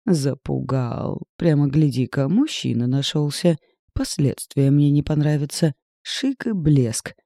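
A man voicing a fiery, sharp-tongued young village woman in an audiobook, scolding and sarcastic with a raised voice. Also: a little high, a little slow, vocal fry, no echo, clean studio sound. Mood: angry scolding. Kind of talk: audiobook character reading.

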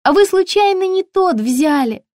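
A woman's voice: extremely high pitch, animated, unhurried, no room sound, clean studio sound, pitched above the performer's own voice. Woman doing a ringing, pushy shop girl. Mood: chirpy. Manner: bright, ringing, relentlessly chatty. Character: chirpy pushy young female shop assistant. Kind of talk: audiobook reading.

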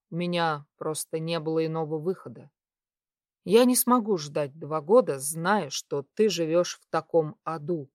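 A woman voicing a tender, possessive male werewolf lover in an audiobook, low and hushed. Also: dry recording, clean studio sound, lightly acted. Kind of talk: audiobook character reading.

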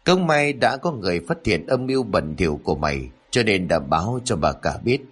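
A man's voice: low voice, big pitch swings, brisk, breathy edge, heavily acted. A man voicing a cold, accusing masked woman who confronts the wrongdoers in a horror story.

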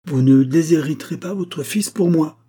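A man's voice: mid-range voice, fairly even intonation, moderate pace, warm tone, husky, pitched above the performer's own voice. A man voicing a firm, honest young woman who pleads and refuses.

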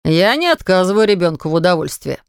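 A woman's voice: on the low side, very animated, fast talker, creaky, clean tone, no echo, studio quality, voice pushed down. A woman reading aloud voices a stingy, pompous male neighbor who speaks in a mocking, sanctimonious way.

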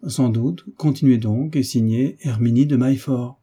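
A man reading the part of a kind, fatherly hunchbacked nobleman in a gentle, coaxing way. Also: mid-range voice, normal speed, breathy edge, close to an everyday voice. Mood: coaxing, tender.

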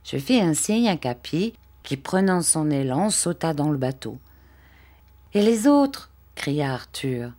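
A woman narrates a classic novel in a measured, expressive reading. Her voice sits low in pitch for a woman. She takes her time and shapes each sentence with care. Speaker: audiobook narrator. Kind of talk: literary audiobook narration.

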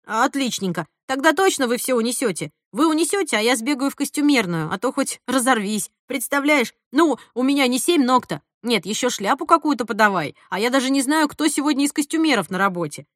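A woman voicing a harried young female assistant who chatters fast. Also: sits high, expressive, a bit bright, no room sound, clean studio sound. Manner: rapid, chattering.

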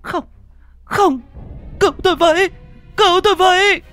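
A man voicing a young woman student, frightened and tearful, speaking in high, breathless, stammering pleas. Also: lively intonation, moderate pace, soft background music. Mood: terrified screaming.

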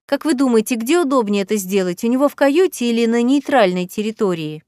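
Woman reading as a bright, self-assured heroine. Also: on the high side, expressive, fast talker, clean tone, dry recording, clean studio sound, close to an everyday voice. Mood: upbeat. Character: cheerful, self-assured young woman helper. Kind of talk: audiobook character reading.

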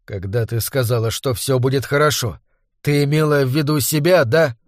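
A man reading an audiobook voices a weary, scornful man who speaks quietly, barely above a murmur. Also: mid-range voice, normal speed, dry recording, studio quality, close to an everyday voice.

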